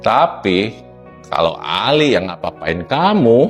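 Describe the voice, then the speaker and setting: A man's voice: fairly low pitch, big pitch swings, unhurried, soft background music. A man playing a protective middle-aged father who reassures his daughter and blusters about her boyfriend. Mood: reassuring.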